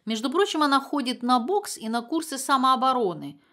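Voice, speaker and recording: Woman voicing a calm, wry grown daughter. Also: high-pitched, fairly quick, voice pushed up. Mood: matter-of-fact.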